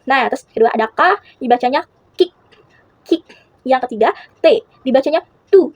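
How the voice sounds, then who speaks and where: High-voiced teen girl student, halting explanation. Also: darkish tone, no room sound, muffled recording. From Indonesia. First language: Indonesian. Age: late teens. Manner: halting, many fillers and self-corrections. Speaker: student presenting a school assignment. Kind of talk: explaining English pronunciation to classmates.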